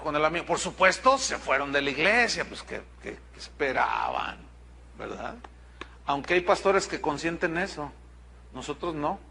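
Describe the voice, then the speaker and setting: A man's voice: a little high, bright, forceful tone, slightly rough. A man with a Mexican accent, a pastor preaching a sermon to his congregation, telling a story bluntly with asides to the listeners. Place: church congregation.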